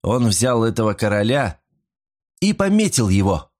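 A sharp young woman detective, voiced by a male reader accuses and commands in a raised, lively voice. The delivery is crisp and triumphant. It is heard as part of a storybook reading. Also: fairly low pitch, moderate pace. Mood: sharp accusing.

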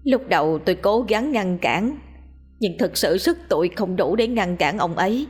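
A woman's voice: medium pitch, animated, moderate pace, slightly rough. A woman voicing a grieving village wife who pleads with the elders humbly and tearfully. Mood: recounting.

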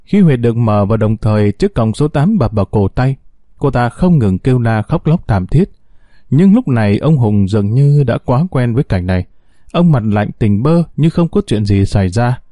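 Dark-voiced male story narrator. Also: mid-range voice, expressive, normal speed, no echo, studio quality.

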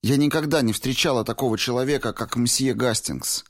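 A man's voice: medium pitch, a little fast, pitched above the performer's own voice, natural voice. A man voicing an earnest young woman, speaking in a raised voice that is emphatic and pleading, in an audiobook reading. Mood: anxious.

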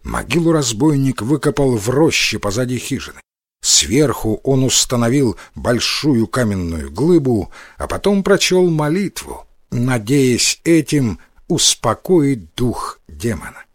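A man narrating a folk tale in a scripted, expressive storytelling manner. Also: medium pitch, a little slow, no room sound, clean studio sound.

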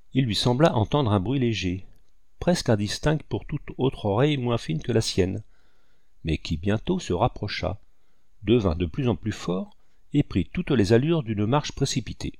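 A man reading a novel aloud as scripted narration, in a measured, descriptive way. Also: fairly low pitch, a little mellow, no room sound, studio quality. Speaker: audiobook reader.

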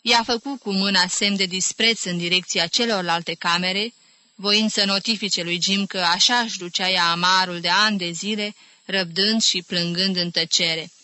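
Woman reading a novel aloud, bright tone, dry close sound, measured pace. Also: medium pitch, fairly even intonation, dry recording. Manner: measured, clear storytelling. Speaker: audiobook reader. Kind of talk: literary audiobook narration.

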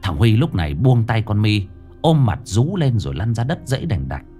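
A man's voice: on the low side, very animated, moderate pace, dark tone, faint music behind. A man narrating a ghost story expressively.

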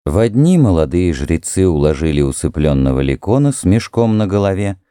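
A man narrating an audiobook in a measured, even reading. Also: low-pitched, smooth, dry recording, studio quality. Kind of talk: scripted narration.

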